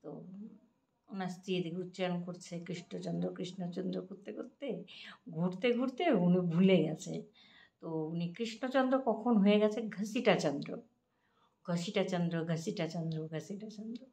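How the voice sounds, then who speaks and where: Gravelly woman telling a story. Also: fairly low pitch, moderate pace, dark tone. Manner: hesitant, many fillers and restarts. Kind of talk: casual devotional storytelling.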